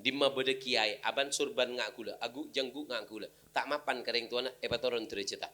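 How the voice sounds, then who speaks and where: A man with a Madurese accent giving a humorous sermon, animated, with sudden loud outbursts. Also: mid-range voice, fairly quick. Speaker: preacher.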